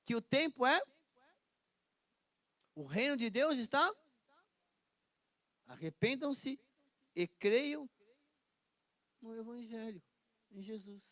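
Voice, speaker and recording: A man teaching an informal Bible class, animated and joking, acting out quotes. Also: very high-pitched, slow pace, long pauses, dry recording. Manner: animated, acts out quotes, jokes and laughs.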